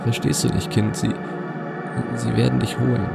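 A man's voice: medium pitch, level tone, normal speed, vocal fry, pitched above the performer's own voice. A man voicing a frail, paranoid old grandfather in a nursing home, stammering and repeating his words, over music. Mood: panicked.

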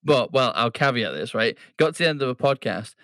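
A man's voice: medium pitch, animated, brisk, a bit bright, no echo, studio quality. A man hosting a podcast, chatting casually and joking with his guest, laughing easily. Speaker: podcast host.

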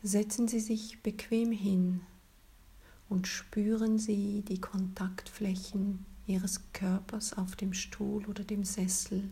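Very breathy, whispery woman guiding relaxation slowly. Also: mid-range voice, little pitch movement. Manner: soft, soothing, whispery spa-like delivery. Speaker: guided relaxation instructor. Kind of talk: guided meditation, slow scripted narration.

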